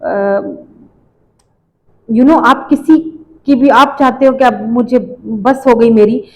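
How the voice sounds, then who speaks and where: An Indian-accented woman reads tarot cards and speaks the messages she channels. She slips English phrases into her talk and sounds openly emotional. Her voice sits a little high for a woman. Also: takes it slowly, a little mellow, low-quality recording. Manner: emotional, mixes English into speech. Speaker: tarot reader.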